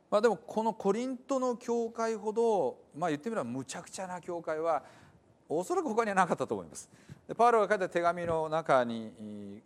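A man preaching a sermon as pastor, explaining scripture with many pauses and fillers and then stressing key points with emphasis. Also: a little high. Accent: Hiroshima dialect in the reading. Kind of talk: sermon with scripture reading in dialect.

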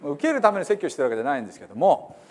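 A man's voice: on the high side, very animated, rapid-fire, darkish tone. A middle-aged male pastor from Hiroshima with a Hiroshima accent, giving a chatty, self-deprecating sermon introduction with frequent fillers. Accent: Hiroshima Japanese. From Hiroshima, Japan.

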